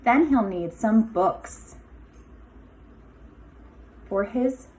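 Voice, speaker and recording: A woman kindergarten teacher with a mid-range voice reads a picture book aloud to young children, expressive and instructive, stopping now and then for asides.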